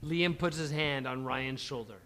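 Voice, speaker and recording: At a live table read of a comedy script, a man reads the stage directions aloud, dramatically playing up the action. His voice is mid-range and fairly bright at normal speed, with slight background noise.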